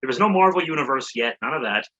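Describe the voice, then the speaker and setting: Bright, husky comedian man. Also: mid-range voice, expressive, fast talker, muffled recording. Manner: rambling, profane, laughs often. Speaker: podcast co-host. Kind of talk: casual comedy chat.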